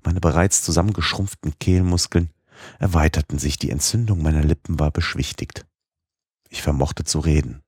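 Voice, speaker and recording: A man narrating an audiobook in a measured, expressive storytelling manner. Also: very deep voice, slightly rough, no echo, studio quality.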